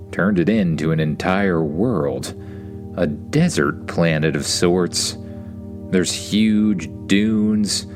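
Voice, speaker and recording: A man who hosts a story podcast, introducing and narrating for young listeners. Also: sits low.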